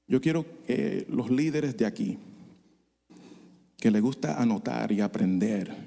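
A male pastor preaching a sermon, swinging from hushed asides to loud bursts and slipping into English phrases. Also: medium pitch, in a large hall. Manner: code-switches with bursts of English. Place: church sanctuary.

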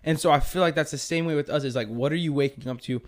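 Casting: young male podcast host, slightly high voice, loose rambling chat. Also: fast talker. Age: young adult. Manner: rambling, says "dude" a lot. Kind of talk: casual chat.

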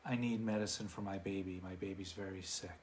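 A man's voice: sits low, fairly even intonation, fairly quick, slight background noise, natural voice. A man voicing a grief-stricken young woman who begs for help in a retold teaching story, repeating her pleas over and over. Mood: desperate pleading. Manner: pleading, repeating words.

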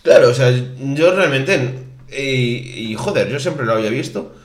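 Here a young man from Spain, co-hosting a podcast, speaks a little slowly with a medium, expressive voice. The chat is casual and rambling, full of restarts and the word "tío," recorded with roomy echo.

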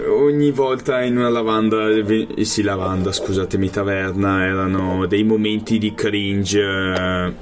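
A man with a fairly low voice chats as an interviewed gamer. He talks casually and often pauses to find his words, with guitar music playing behind him. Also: little pitch movement. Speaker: interviewed tabletop role-playing player and game master.

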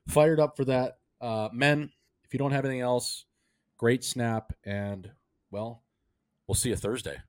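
A man's voice: medium pitch, fairly even intonation, unhurried, no echo. Hyped-up frat-bro man hosting a podcast. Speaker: podcast host. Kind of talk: casual sports podcast banter.

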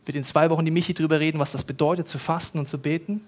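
A middle-aged man preaching a sermon in a casual, slangy way, talking straight to the congregation and acting out quotes with sudden loud rises. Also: a little high, steady tone, very fast. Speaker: pastor.

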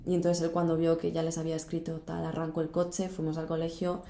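Young woman w/ telling her story, low-ish mellow voice, roomy echo. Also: monotone, fast talker. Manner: earnest, emphatic, repeats words for stress. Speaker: guest recounting backpacking travels. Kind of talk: casual storytelling chat.

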